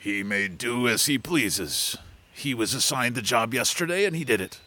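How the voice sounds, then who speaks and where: A man's voice: mid-range voice, expressive, normal speed, pushed and bright. A stern fatherly village chieftain. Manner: firm, fatherly instruction. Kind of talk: audio drama acting.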